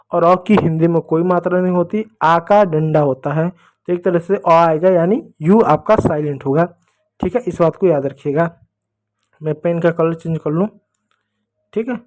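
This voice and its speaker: A man's voice: fairly high pitch, a little mellow. A man teaching English phonics to children, patiently repeating each step with questions. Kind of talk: blackboard phonics lesson for children.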